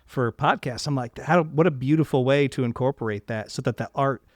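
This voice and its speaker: Hosting a casual, reflective interview podcast, a man speaks a little fast in a mid-range voice, earnest, effusive and wordy. The sound is clean studio quality without echo.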